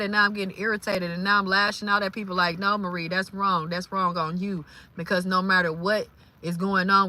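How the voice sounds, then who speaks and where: Bright-voiced, lively woman streamer. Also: medium pitch. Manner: lively, exclaims and laughs often. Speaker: live streamer. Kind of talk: casual faith talk livestream.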